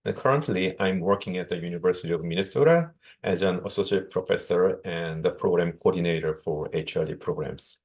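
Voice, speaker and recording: A man from South Korea, a native Korean speaker with a Korean accent, giving a measured conference keynote over a video call with small restarts. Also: low voice, darkish tone. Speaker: guest speaker, associate professor.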